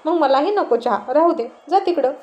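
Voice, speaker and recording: A woman doing a playful young husband in a spoken storybook, teasing and coaxing in a mellow, fairly high voice. The tone stays warm and close to the reader's own. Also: expressive, moderate pace, dull audio, soft background music.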